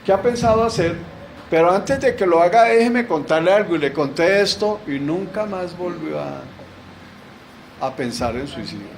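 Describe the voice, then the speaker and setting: A man's voice: high-pitched, expressive, moderate pace, creaky, a little hiss or hum, low-quality recording. A middle-aged man preaching a sermon in a church, asking rhetorical questions and answering them with emphasis.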